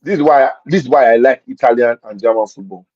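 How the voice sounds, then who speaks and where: A man's voice: mid-range voice, quick pace, breathy edge, dry recording, dull audio. A man talking football in a casual match-review chat. He makes his points with force, repeats them, and explains with examples. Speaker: football pundit.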